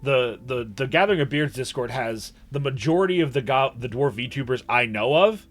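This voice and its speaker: A man's voice: medium pitch, expressive, moderate pace. A man hosting a casual livestream, wry and sweary, often letting his thoughts trail off. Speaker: VTuber streamer and host.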